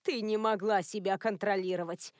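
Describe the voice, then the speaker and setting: A woman voicing a prim, controlling elderly woman who is a werewolf grandmother, lecturing in a cold, even tone. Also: mid-range voice, moderate pace, no room sound, clean studio sound, lightly acted. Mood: stern.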